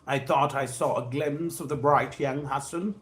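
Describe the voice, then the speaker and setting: A man from Andhra Pradesh, India, with a South Indian accent hosts a live stream as a spoken English trainer, reading aloud and addressing viewers effusively and formally while repeating his phrases. His voice is medium-pitched with fairly even intonation and a moderate pace.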